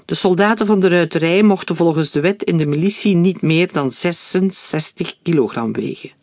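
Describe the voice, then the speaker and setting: A man's voice: on the high side, normal speed, a little mellow, dry recording. Male storyteller with a dry sound. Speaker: narrator. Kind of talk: storybook reading.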